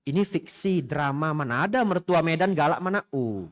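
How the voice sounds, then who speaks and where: A man's voice: on the high side, expressive, moderate pace. A middle-aged man, a Buddhist monk, giving a humorous Dhamma talk to a congregation, asking them questions and mixing in Hokkien phrases. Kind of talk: sermon. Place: temple hall before a congregation.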